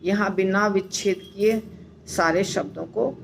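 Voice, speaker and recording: A woman teaching recitation, explaining slowly and patiently, repeating words syllable by syllable and reassuring her students. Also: mid-range voice, steady tone, creaky, noisy background. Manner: reassuring, instructive. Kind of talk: slow explanatory lesson.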